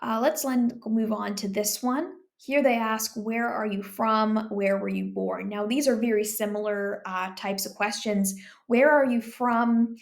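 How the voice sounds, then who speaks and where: A young woman from Ontario, Canada, working as an exam tutor, explaining speaking-test questions in a relaxed, chatty way with many fillers and tag questions. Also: fairly high pitch, unhurried, gravelly. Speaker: IELTS tutor.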